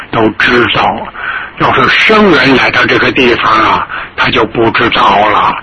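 A male storyteller narrating a folk tale in a slow, drawn-out, dramatic way, on a noisy old radio recording. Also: mid-range voice, sharp tone. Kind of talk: traditional storytelling broadcast.

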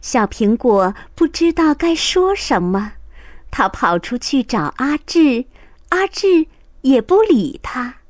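A woman reading a children's story aloud in a high, bright voice. She takes her time, with clear, expressive narration. The sound is dry and close, with no room echo.

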